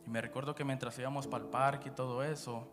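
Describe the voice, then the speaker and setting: A man with a Guatemalan Spanish accent tells his testimony to a church audience, rambling and conversational, with frequent fillers. His voice sits at a medium pitch. Worship music plays clearly behind him. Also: fairly even intonation, fast talker. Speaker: preacher giving his testimony. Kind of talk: personal testimony after prayer. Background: background music.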